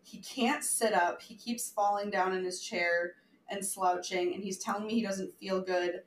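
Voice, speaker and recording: A woman co-hosting a podcast, telling an animated story in casual chat and acting out quotes. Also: medium pitch, moderate pace, reverberant, distant mic, a little hiss or hum, low-quality recording. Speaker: podcast co-host.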